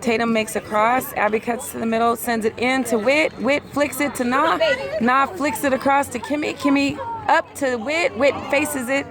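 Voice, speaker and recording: Calling a youth soccer game from the sidelines outdoors, this high-pitched woman delivers rapid play-by-play that climbs with excitement at big moments. She's an amateur, hoarse and losing her voice, recorded amid crowd and traffic noise.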